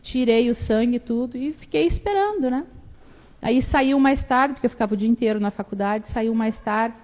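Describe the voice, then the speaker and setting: A young woman giving a lively personal faith testimony, acting out the dialogue as she tells it. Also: fairly high pitch, normal speed. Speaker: church testimony speaker. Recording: reverberant hall.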